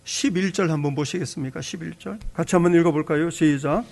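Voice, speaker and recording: A male pastor delivers a sermon in a church sanctuary, his voice gravelly and husky. He keeps putting questions to his listeners and repeats his points with animated emphasis. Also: on the high side, fast talker.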